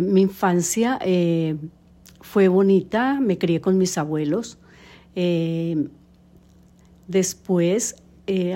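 An older woman, a grandmother answering interview questions hesitantly, with many pauses and fillers. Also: lowish voice, mellow. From Colombia. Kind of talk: casual family interview.

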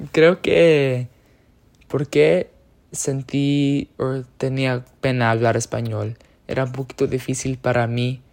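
Casually recounting his personal experience, a young U.S. man speaks with a creaky voice at medium pitch. He hesitates often, using many fillers and correcting himself along the way.

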